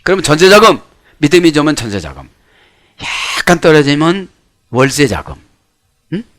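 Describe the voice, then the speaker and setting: A middle-aged male pastor delivers an expository sermon, fairly high-pitched for a man. His voice leaps up and down with lively intonation, bursting loud on key words and then dropping almost to a whisper, while he keeps tossing rhetorical questions at the congregation. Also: moderate pace. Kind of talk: sermon with original-language Bible exposition.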